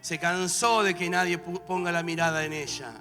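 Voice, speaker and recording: A middle-aged Argentine man preaching a sermon, with a Rioplatense accent, moving from quiet storytelling to shouted exhortation. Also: high voice, steady tone, normal speed. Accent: Rioplatense Spanish. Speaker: pastor. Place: church. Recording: live church service with music underneath. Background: worship music.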